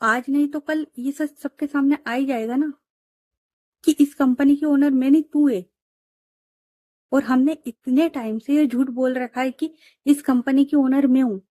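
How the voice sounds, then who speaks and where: A young woman playing the stubborn elder sister in an audio story, as the narrator puts her on. She scolds bluntly in a high, warm voice, dry and close. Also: fairly even intonation, a little slow, dry recording. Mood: scolding.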